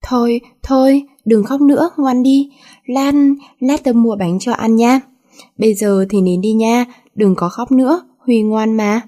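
A woman's voice: fairly high pitch, brisk, dark tone, lightly acted. A woman voicing a feisty teenage schoolgirl who scolds and then coaxes sweetly, her voice raised above her narrating tone. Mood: coaxing. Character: feisty teenage schoolgirl, bossy yet caring.

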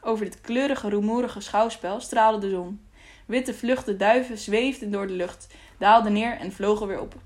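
A woman narrating an audiobook with steady, clear storytelling. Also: medium pitch, moderate pace.

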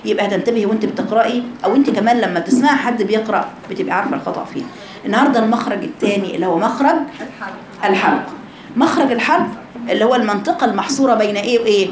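A woman's voice: medium pitch, reverberant, background noise. A woman with an Egyptian accent teaching her female students how to pronounce throat letters, asking questions and chanting examples. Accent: Egyptian Arabic. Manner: explains with questions, demonstrates sounds by drawn-out chanting. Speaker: Quran recitation teacher. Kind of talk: informal tajweed lesson to female students.

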